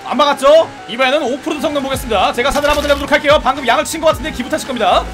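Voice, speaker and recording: Man, very high voice, rapid talk, playful game commentary, background music. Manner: playful, shouts at rival cars during races. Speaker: game YouTuber reviewing a car. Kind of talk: excited gameplay commentary. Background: background music and engine sounds.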